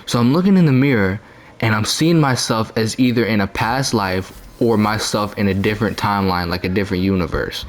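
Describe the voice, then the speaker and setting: A man's voice: fairly low pitch, a little fast. A young man telling a story casually into his own mic, rambling with lots of fillers, slang and profanity. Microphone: own desk mic.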